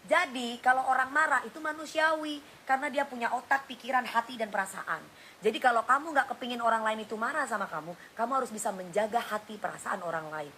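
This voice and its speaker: Middle-aged woman, singer on a phone live, blunt scolding tone, slightly high voice, light hiss. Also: quick pace, pushed and bright, low-quality recording. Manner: blunt, scolding, switches to coarse slang. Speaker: singer doing an Instagram live. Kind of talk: casual livestream monologue.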